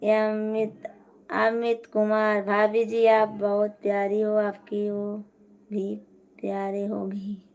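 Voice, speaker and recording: A woman's voice: mid-range voice, monotone, slow, darkish tone. A woman hosting a casual live stream from home, chatting and answering viewers' comments one by one.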